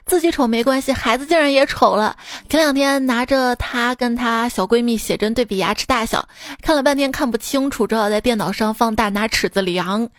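A woman's voice: fairly high pitch, fairly quick, hardly any pauses, dry recording. A woman hosting a podcast, reading listener jokes aloud in a chatty, teasing way. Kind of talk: casual comedic reading.

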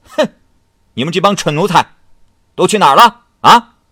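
A man voicing a drunk, boastful male scholar who shouts and slurs with stumbling fillers. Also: mid-range voice, very animated, slow pace, no echo, clean studio sound, voice pushed up. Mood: furious. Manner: shouting, slurring with hesitant fillers.

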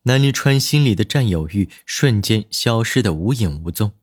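A man narrating a romance audiobook in an expressive, storytelling manner at a close studio mic. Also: fairly low pitch, normal speed, slightly rough, no echo. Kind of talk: scripted dramatic narration.

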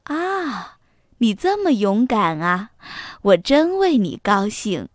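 A woman voicing a gentle, worried mother fox in a children's storybook reading, soft and encouraging. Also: medium pitch, big pitch swings, slow pace, dry recording, clean studio sound. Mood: caring.

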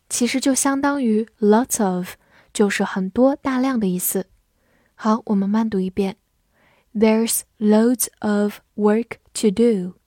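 A woman teaching English vocabulary, spelling out words letter by letter and reading example sentences slowly. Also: medium pitch, mellow, dry recording, clean studio sound. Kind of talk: vocabulary lesson.

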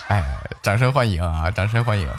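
A man's voice: lowish voice, a little fast, noisy background. A man, teasing and coaxing another streamer on a voice call. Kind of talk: livestream voice-call banter. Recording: music playing loudly underneath.

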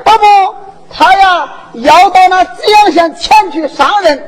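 Performer doing a bustling young constable, opera stage, high voice, unhurried. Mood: jovial. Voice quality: chatty, bantering, calls out loudly. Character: cheerful village constable, young man, bustling. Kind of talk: Chinese folk opera stage acting.

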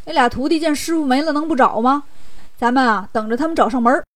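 A woman's voice: sits high, quick pace, no room sound, natural voice. A woman voicing a boastful, gluttonous male demon king who mocks his enemies, in a children's story. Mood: sly gloating. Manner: gloating, mocking.

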